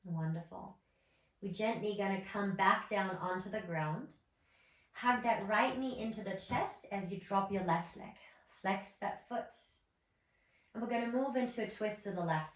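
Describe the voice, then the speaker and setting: A woman guiding a yoga class as instructor, with a gentle, nurturing and encouraging manner. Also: medium pitch. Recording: roomy echo, distant microphone.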